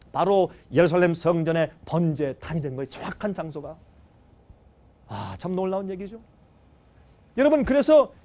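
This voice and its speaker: A middle-aged male pastor delivering a sermon. His voice sits high for a man, and he moves from loud bursts to hushed asides. He speaks directly to the congregation as he tells the story. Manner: swings between loud exclamations and quiet, low asides; emotional storytelling, addresses listeners directly. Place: church seminar hall.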